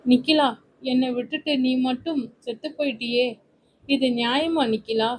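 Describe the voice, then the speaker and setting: A woman's voice: high-pitched, normal speed, a little hiss or hum, lightly acted. A woman voicing a grief-stricken young man who speaks tearfully and in despair. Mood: wailing.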